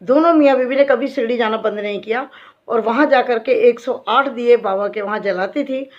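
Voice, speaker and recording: Middle-aged woman, kinda high voice, heartfelt devotional testimony, muffled lo-fi sound. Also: moderate pace. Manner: earnest, heartfelt storytelling addressing devotees. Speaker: Sai devotee and bhajan singer. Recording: dull lo-fi recording.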